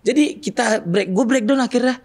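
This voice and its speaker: Animated young comedian. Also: male voice, very high-pitched, normal speed, vocal fry. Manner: animated storytelling with shouted punchlines. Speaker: comedian guest. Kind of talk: stand-up comedy bit. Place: podcast studio.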